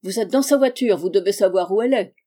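A woman voicing a frantic, desperate bearded man who talks loudly. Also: mid-range voice, fast, lightly acted. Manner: loud and desperate.

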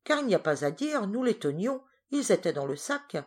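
A woman's voice: mid-range voice, very animated, moderate pace, voice pushed up. A woman reading aloud, voicing a dejected male thief who grumbles in slangy, self-mocking complaints. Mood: rueful.

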